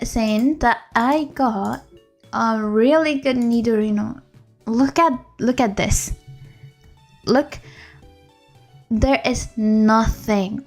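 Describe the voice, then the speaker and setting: Woman streamer rambling to her chat from her room, highish voice, laughs a lot. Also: darkish tone. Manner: chatty and rambling, quick to laugh. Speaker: game streamer. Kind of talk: casual livestream chat. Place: room at home.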